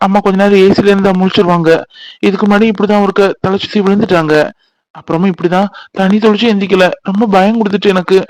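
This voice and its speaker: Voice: medium pitch, no room sound, natural voice, poor audio. A performer voicing a playful young newlywed husband in a cartoon, teasing and bantering but easily flustered. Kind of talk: cartoon voice acting.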